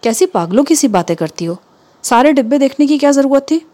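This is a woman reading the part of a calm, practical mother in a told story. She talks in a steady, reassuring way with a firm edge. She sounds close to the narrator's own voice. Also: sits high, voice pushed up. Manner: soothing yet firm.

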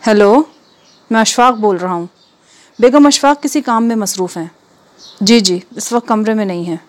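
A woman's voice: medium pitch, lightly acted. A woman reading the part of an irritable, ailing husband who grumbles and snaps sharply. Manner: grumbling, sharp-tongued, fussy. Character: ailing irritable middle-aged husband, Mian.

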